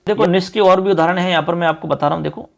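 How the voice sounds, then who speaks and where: A man with a fairly high voice teaches an exam-prep lesson in an unhurried, explanatory way. He repeats each term and keeps directing the students to look at the examples. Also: fairly even intonation, creaky. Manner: repetitive, explanatory, often says "look".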